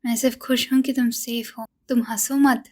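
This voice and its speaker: A woman's voice: fairly high pitch, level tone, normal speed, natural voice. A woman voicing an older, protective woman who worries about her partner, read in an earnest recap tone.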